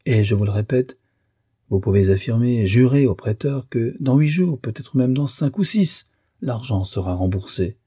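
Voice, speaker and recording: A man's voice: medium pitch, lively intonation, moderate pace, dark tone, husky, no echo, studio quality, voice pushed up. A man voicing a ruined middle-aged businessman who pleads urgently for a loan. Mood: pleading.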